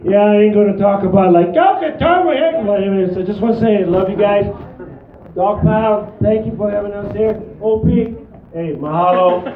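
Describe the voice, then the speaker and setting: A man, a comedian guest, giving a quick, relaxed goodbye and thanks to the audience. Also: sits high, narrow, tinny audio, a little hiss or hum. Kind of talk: brief sign-off. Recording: echoey live club sound with crowd.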